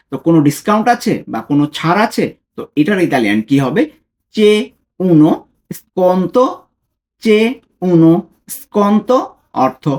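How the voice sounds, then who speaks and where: Lesson video tutor from bangladesh, voice jumps up and down a lot, says phrases super slow word by word then explains them. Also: medium pitch, a little mellow. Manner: drills foreign phrases slowly, word by word, then glosses each. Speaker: language tutor. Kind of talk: language lesson narration.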